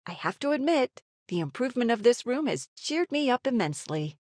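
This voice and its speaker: A woman's voice: a little high, big pitch swings, fairly quick, darkish tone, dry recording, studio quality. A woman playing a wry, affectionate novelist heroine in a story game, with a playful conversational manner. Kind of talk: scripted game story dialogue.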